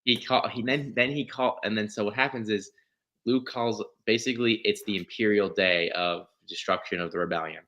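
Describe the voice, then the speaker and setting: Casual male podcast co-host, low-ish voice, excitable and rambling, swears freely. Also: normal speed. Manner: rambling, excitable, profane, with many restarts. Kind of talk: casual chat, retelling a story.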